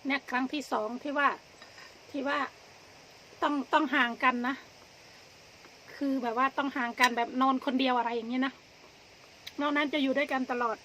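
A middle-aged woman with an Isan Thai accent chats casually to viewers while chewing, pausing between short, rambling phrases. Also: high-pitched, bright, forceful tone. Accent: northeastern Thai (Isan). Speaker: vlogger. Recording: dull lo-fi audio with background noise.

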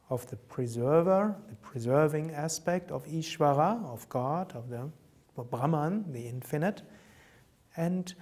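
A man explaining and slowly chanting a mantra as a yoga teacher, calm and measured. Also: a little high. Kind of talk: mantra instruction.

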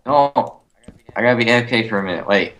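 A man's voice: mid-range voice, fast talker, fairly bright tone. A man casually commentating a block-building game, nervous and cautious, repeatedly warning his partner about traps. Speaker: game video co-host.

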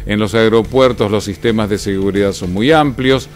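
A man's voice: lowish voice, moderate pace, faint music behind. A man anchoring the news, commenting conversationally in the studio with frequent fillers. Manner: conversational, explanatory, many fillers.

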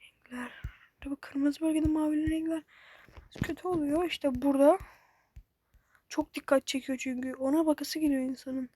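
High-pitched woman swearing at a game. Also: fairly even intonation, normal speed, long pauses. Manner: frustrated, swearing a lot, shouting at the game. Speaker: gamer. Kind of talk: casual gameplay commentary.

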